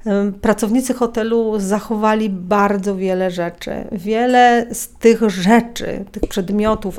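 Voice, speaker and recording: Woman guest, mid-pitched, animated storyteller with fillers. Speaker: interview guest, researcher of a hotel's history. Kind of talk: casual interview.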